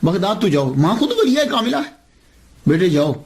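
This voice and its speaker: A man's voice: high-pitched, big pitch swings, gravelly, a little mellow, full character voice. A man voicing an elderly, loving mother who is tearful, speaking tenderly in a retold religious story. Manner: tender, grieving pleas.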